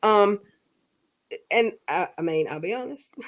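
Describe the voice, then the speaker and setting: A woman's voice: medium pitch, lively intonation, unhurried, crowd noise. A woman with a mid-range voice talks casually with a friend. She speaks candidly and rambles, often trailing off mid-thought. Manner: candid, rambling, frequent fillers and restarts. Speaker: co-host of a chat video. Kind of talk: casual chat.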